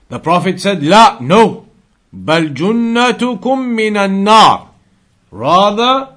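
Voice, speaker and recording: With a high, somewhat bright voice, a man gives an Islamic lesson, reciting Arabic quotations and explaining them in English. As a religious teacher he speaks emphatically, repeating his points and putting them differently.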